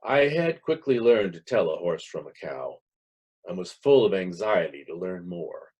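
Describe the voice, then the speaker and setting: A man playing a wry, pompous humorist lecturer in a hammy, dramatic theatrical reading, with a husky voice. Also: low-pitched, lively intonation, moderate pace, a little mellow, pitched below the performer's own voice. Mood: wry storytelling. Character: Mark Twain, wry pompous male humorist lecturer spinning tall tales.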